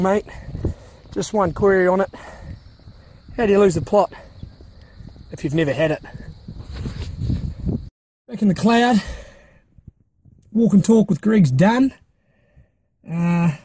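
A young man talking to his phone on a hill walk, joking in a deadpan way as he walks. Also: high voice, slight background noise. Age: young adult. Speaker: vlogger. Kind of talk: casual walking vlog. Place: outdoors on a hill walk in a park. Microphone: phone at arm's length.

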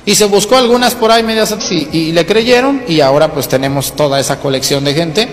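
A man's voice: fairly high pitch, animated, fairly quick, long reverb tail, a little hiss or hum. A man preaching a colloquial sermon to a congregation, explaining and asking them questions.

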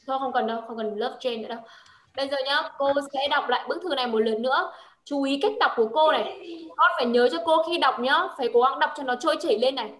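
A woman's voice: sits high, fast talker, fairly bright tone, reverberant, poor audio. A woman with a Vietnamese accent tutoring a child in English reading, patiently correcting and modeling sentences. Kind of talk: one-on-one English reading lesson.

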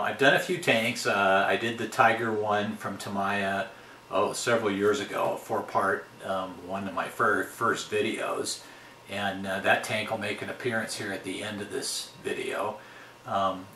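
Low-voiced man in an echoey room. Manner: relaxed, rambling, frequent fillers. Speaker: hobby channel host. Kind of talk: casual unboxing talk. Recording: echoey room with background noise.

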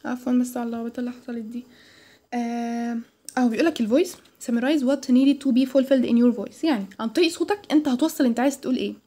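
A woman's voice: a little high, quick pace, warm tone. A young woman with an Egyptian Arabic accent giving an informal lecture, chatty, with many restarts and English terms mixed in. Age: young adult. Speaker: student tutor.

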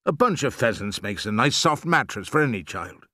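A man reading an audiobook, voicing a steady, resourceful father who is a poacher, in an easy confident tone. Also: lowish voice, moderate pace, no echo, studio quality, exaggerated voice.

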